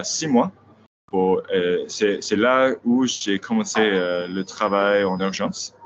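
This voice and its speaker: Man, Australian foreign accent in French, native English speaker, slow hesitant lecture delivery, lowish pitch, dull lo-fi audio. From Australia, Sydney. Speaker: veterinary specialist, conference speaker. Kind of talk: prepared lecture presentation. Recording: dull lo-fi web audio, faint noise.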